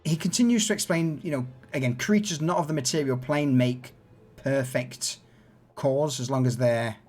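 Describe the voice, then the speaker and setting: A man's voice: medium pitch, moderate pace, darkish tone, faint music behind. A man running a tabletop game, explaining things in an informal, casual way. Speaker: game master.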